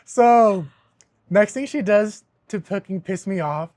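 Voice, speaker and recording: A young man hosting a podcast, telling a story in casual chat, animated and swearing often, with laughs mixed in. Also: high voice, takes it slowly, no echo. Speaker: podcast host.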